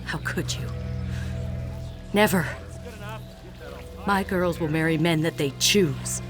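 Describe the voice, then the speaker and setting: A defiant Viking matriarch. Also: female voice, deep voice, slow. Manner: commanding and defiant. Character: proud Viking housewife, mother, defiant. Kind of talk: documentary drama reenactment. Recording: music behind.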